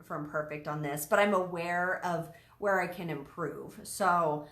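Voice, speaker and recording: A woman's voice: lowish voice, a little slow, a bit bright. Chatty mom in her thirties, echoey room. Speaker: podcast co-host. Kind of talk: casual chat.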